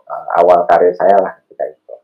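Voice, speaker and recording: A man in his thirties, a podcast guest, talking through his family and early career in an unhurried, thoughtful way, with many fillers. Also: low-pitched, steady tone, husky, dull audio. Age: 30s. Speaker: podcast guest, alumni candidate. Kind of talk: casual interview chat.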